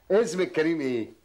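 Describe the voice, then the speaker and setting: A jovial, teasing old inmate. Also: male voice, medium pitch, a little mellow. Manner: chuckling, teasing banter. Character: jovial longtime prison inmate, joking. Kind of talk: TV drama acting.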